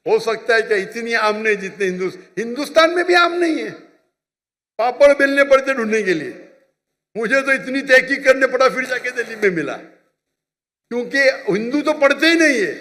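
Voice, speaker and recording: A man's voice: high voice, a bit bright. A man answers questions before an audience, lecturing with firm emphasis. His speech rings out in a large hall with a long reverb tail. He keeps pressing his point and checking that the listener follows. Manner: lecturing, emphatic, repeats points with "you understand?". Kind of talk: public question-and-answer talk.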